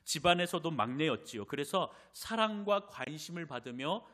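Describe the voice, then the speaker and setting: A male pastor preaching in a church with a lively, swooping voice. He sits a bit higher than most men and keeps his sermon animated, turning again and again to address the congregation directly. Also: moderate pace.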